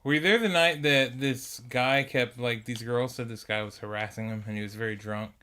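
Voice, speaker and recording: A man in a relaxed podcast chat with a bright, forward voice. He tells his story in a laid-back way and drops dry asides. His pitch sits in an ordinary middle range. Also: moderate pace, clean tone. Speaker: podcast co-host. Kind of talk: casual chat.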